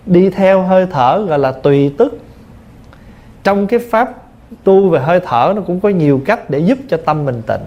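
A man's voice: fairly high pitch, a little mellow, highs cut off. A male Buddhist monk teacher giving a dharma talk, explaining patiently through simple everyday examples. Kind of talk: dharma talk answering questions.

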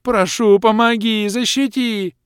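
Squealing swamp creature. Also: male voice, steady tone, slow, smooth, dry recording, clean studio sound. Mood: pleading wail. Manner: shrill frantic squealing. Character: panicky little male swamp water-creature.

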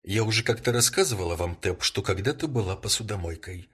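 A man reading an audiobook, voicing a calm young woman as she confesses in a quiet, earnest way. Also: lowish voice, fairly quick, breathy edge, exaggerated voice.

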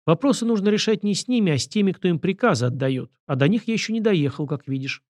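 A man's voice: sits high, quick pace, no echo, voice pushed up. A man voicing a cool ironic young man. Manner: dry, ironic, calm.

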